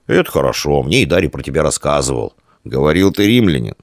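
Sleepy, sturdy teen boy with a deep voice, gruff and short with words, voiced by a man. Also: very animated, dry recording, studio quality, heavily acted. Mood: calm. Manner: slow, gruff, laconic. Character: sturdy 13-year-old boy, sleepy, bass voice.

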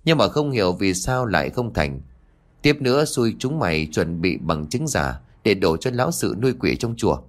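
A sly, scheming villager sneering out accusations, as the narrator puts him on. His delivery is quick and low, with a lively rise and fall. It is a storybook telling.

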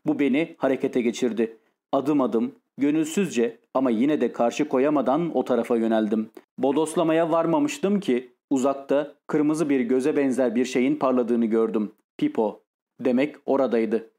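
Guy narrating an audiobook, calm and measured, warm dark voice. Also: medium pitch. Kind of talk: scripted narration.

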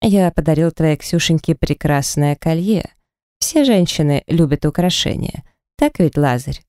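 A cruel kidnapper taunts his rival in a smug, sing-song way, as a man reads him aloud. The voice is dark and smooth, recorded close and dry for an audiobook. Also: on the high side, expressive, a little slow, no room sound. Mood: gloating. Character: gloating male kidnapper villain, mocking and cruel.

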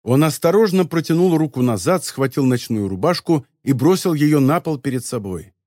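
A man narrating a novel as an audiobook, in lively, expressive storytelling. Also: on the high side, moderate pace, no echo, clean studio sound. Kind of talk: scripted narration.

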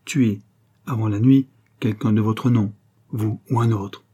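A man's voice: fairly low pitch, fairly even intonation, dark tone, breathy edge. A man reading the part of an aging ex-prisoner bent on revenge, hard and grim in his words. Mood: vengeful. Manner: hard, cursing, slow and grim. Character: bitter aging man fresh from prison, vengeful.

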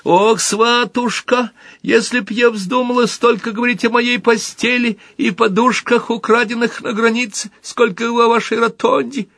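A man's voice: extremely high pitch, steady tone, moderate pace, vocal fry, fairly bright tone, no echo, pitched above the performer's own voice, exaggerated voice. A man voicing a weepy, plaintive middle-aged mother who pleads and whines. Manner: whiny, pleading.

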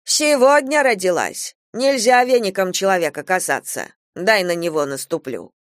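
A woman's voice: mid-range voice, animated, normal speed, no room sound, studio quality, close to an everyday voice. A woman reading a storybook voices a stern, superstitious old grandmother who grumbles and scolds. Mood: scolding. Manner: scolding, insistent.

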